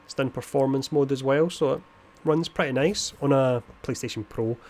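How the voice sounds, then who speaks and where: A gaming streamer who's had a beer casually explains a video game's gear system while chatting with players, using what he calls a posh voice. His voice is medium-pitched and a little mellow, at a moderate pace, in typical relaxed live-stream commentary.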